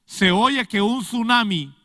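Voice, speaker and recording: A man's voice: high-pitched, takes it slowly, pushed and bright, no echo, studio quality, big-room sound. A man preaching a sermon to a congregation, pressing them with rhetorical questions. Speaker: pastor. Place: church.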